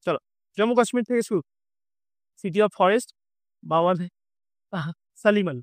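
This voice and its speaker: A man's voice: sits high, measured pace, dry recording. A man teaching an exam-prep lesson, rattling off memory lists and checking in with his students again and again. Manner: drilling, repeats lists at speed with frequent "ঠিক আছে?" checks. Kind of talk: recorded online lesson.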